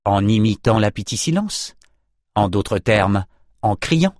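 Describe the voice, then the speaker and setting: A man playing a calm, wry male hero. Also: fairly low pitch, slow, no echo, clean studio sound. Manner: calm, matter-of-fact explaining.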